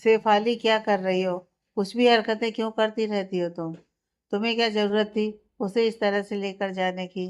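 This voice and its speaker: A woman voicing a young husband who scolds his wife sharply, with a smooth, clear voice. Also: medium pitch, fairly even intonation, moderate pace, natural voice. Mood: angry. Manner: sharp, reproachful.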